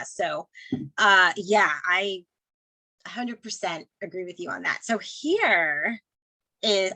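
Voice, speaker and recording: A woman's voice: mid-range voice, bright, forceful tone, no echo. A woman hosting a casual interview, affirming and enthusiastic with her guest. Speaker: host.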